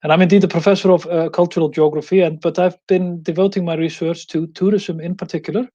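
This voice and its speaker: Icelandic-born male professor, mellow tone, muffled video-call sound. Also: on the high side, level tone, fast. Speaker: guest professor. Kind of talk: academic presentation.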